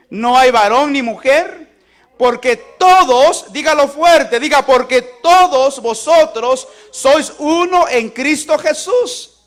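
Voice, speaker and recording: A man's voice: very high-pitched, fairly bright tone. A man preaching a sermon as pastor, emphatic, asking the congregation to repeat lines aloud with him. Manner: emphatic call-and-response preaching.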